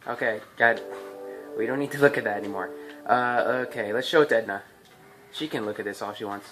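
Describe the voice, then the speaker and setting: A man's voice: fairly low pitch, brisk, over music. A man giving chatty, joking commentary while playing a video game, thinking aloud. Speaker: gameplay commentator. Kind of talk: casual let's-play commentary.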